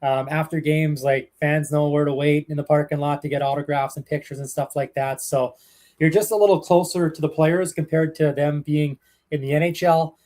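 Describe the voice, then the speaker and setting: A young Canadian man who does hockey play-by-play is a guest answering interview questions, telling stories in a chatty way with many fillers and restarts. His Canadian English voice is fairly high-pitched with a darkish tone, fairly even intonation, and a moderate pace.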